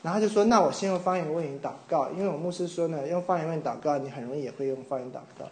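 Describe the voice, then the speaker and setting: A middle-aged man from Taiwan preaching a sermon, telling a personal story with animated mimicry of others. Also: fairly high pitch, racing. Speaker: pastor. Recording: echoey room with faint ambience.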